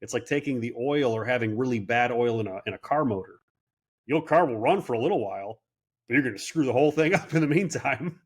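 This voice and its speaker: A late-thirties man with a fairly quick, mid-range voice and a breathy edge is a guest on an interview. The clinic owner tells his story in relaxed, lively fashion, voicing the people he quotes.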